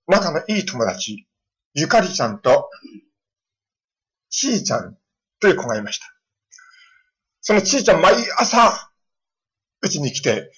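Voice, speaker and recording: Middle-aged man, pastor giving a storytelling sermon, husky tone, animated delivery. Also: a little high, low-quality recording. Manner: storytelling with lively voiced quotes of children.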